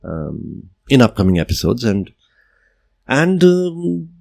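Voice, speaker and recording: A man's voice: medium pitch, sing-song, slow, creaky, a little mellow, dry recording, studio quality. A middle-aged man hosting a solo podcast, explaining ideas in a reflective, conversational way and often checking in with "right?" and "you know.". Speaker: podcast host.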